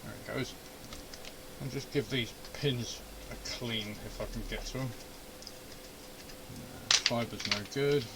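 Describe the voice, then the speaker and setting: A man with a mid-range voice and fairly even intonation works through a repair slowly, pausing often and grumbling and muttering to himself in a casual running commentary. He's an amateur radio hobbyist and video host recording indoors in his home radio shack, with heavy background noise.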